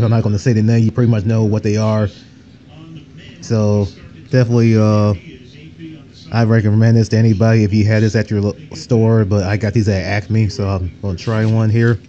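Mellow, rambling man on a dull recording. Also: on the low side, level tone, normal speed. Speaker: food review vlogger. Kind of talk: casual product review chat. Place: indoors at a table. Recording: dull lo-fi camera microphone.

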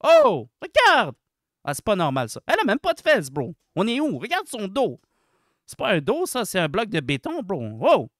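A gaming commentator with a Québécois accent, ranting in a comedic video, exaggerated and slangy, swinging between mock sweetness and outrage while addressing viewers as ladies and gentlemen. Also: medium pitch, huge pitch swings, normal speed, no room sound, clean studio sound. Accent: Québécois French.

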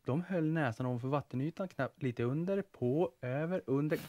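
A man's voice: fairly high pitch, a little mellow, dry recording. A Swedish man co-hosting a stock market show in casual studio chat, joking and often repeating words as he starts a sentence. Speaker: co-host of an investing show.

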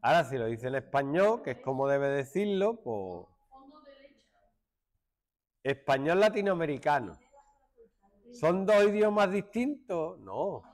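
A middle-aged man from Málaga with an Andalusian accent, teaching a joking classroom lesson and hushing his students. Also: fairly high pitch, expressive, measured pace, pauses often. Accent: Andalusian Spanish. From Málaga, Spain. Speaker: secondary school teacher.

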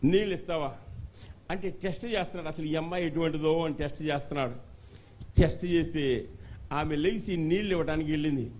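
A man with a high yet mellow voice delivers an animated church sermon. He keeps quizzing the congregation and pressing them to answer out loud. At the big moments he bursts into shouts. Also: quick pace. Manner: animated call-and-response, questioning the congregation; shouts at climaxes. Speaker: bishop preaching.

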